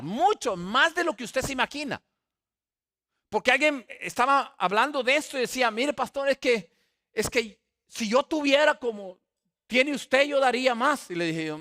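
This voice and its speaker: High, lively-voiced man preaching. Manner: animated preaching with rhetorical questions and acted dialogue. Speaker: pastor. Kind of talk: sermon.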